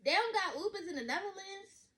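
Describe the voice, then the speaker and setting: Twenty-something girl, high voice, reacting loud and sassy with lots of slang. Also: brisk. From Baltimore, USA. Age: 20s. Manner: blunt, sassy, loud and animated with slang and swearing. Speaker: vlogger reacting to a reader's story. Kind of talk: casual reaction commentary.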